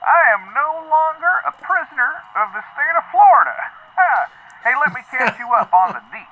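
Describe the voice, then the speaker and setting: A man's voice: very high-pitched, very animated, moderate pace. A man voicing a goofy, cheerful male escaped convict, leaving a rambling, chuckling voicemail over a landline phone. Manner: rambling, laid-back and chuckling. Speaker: voicemail caller. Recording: tinny landline voicemail with faint hiss.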